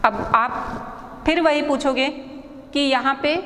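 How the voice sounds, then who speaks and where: A high-voiced woman teacher with an Indian accent, walking a class through letters at an unhurried pace. She repeats key points and checks in with her listeners. The recording has an echoey room with a faint hum behind her. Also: a bit bright. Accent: Indian English. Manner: slow, repetitive explaining, mixing Hindi and English, checks understanding. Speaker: English teacher. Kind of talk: classroom lesson explaining spelling.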